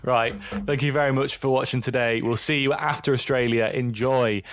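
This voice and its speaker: A young man co-hosting a podcast in casual chat, excitable and animated in banter. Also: mid-range voice, normal speed, dry recording. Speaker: podcast co-host.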